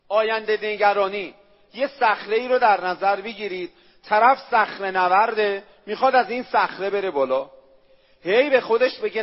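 A man preaching a sermon, emphatic and repetitive, asking the listeners rhetorical questions and reciting Arabic phrases. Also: high voice. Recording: echoey hall, dull lo-fi sound.

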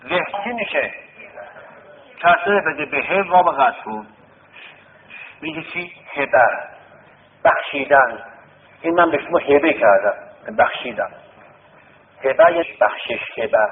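A man's voice: on the high side, expressive, pauses often, a little hiss or hum. A man teaching a classroom lesson, repeating words and quizzing his students over and over. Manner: repetitive, drilling students with questions. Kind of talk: classroom lesson on Arabic word roots. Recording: tinny lo-fi classroom recording with long reverb.

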